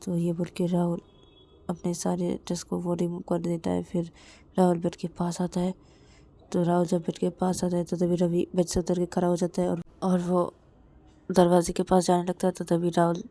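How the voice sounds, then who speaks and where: A woman's voice: fairly low pitch, monotone, normal speed, warm tone. A woman narrating a romance story in a plain, matter-of-fact way.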